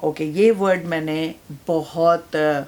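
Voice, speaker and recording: A woman's voice: low-pitched, fairly even intonation, slow, a little mellow. A woman from Pakistan, an English teacher, giving a casual pronunciation lesson and often checking in with "right?". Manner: explains in Hindustani with English words, checks in with "right?".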